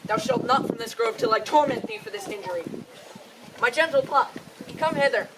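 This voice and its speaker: A woman's voice: a little high, normal speed, close to an everyday voice. A woman playing a jealous, commanding male fairy king in hammy, declamatory Shakespearean stage style. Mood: scheming, imperious. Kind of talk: theatrical Shakespeare stage performance. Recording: noisy live stage, distant microphone.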